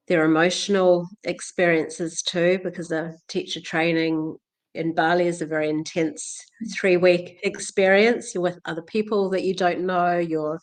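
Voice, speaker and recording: A woman from New Zealand, in her thirties or forties, talking reflectively as a guest about teaching yoga, with frequent fillers. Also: fairly low pitch. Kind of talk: casual interview talk.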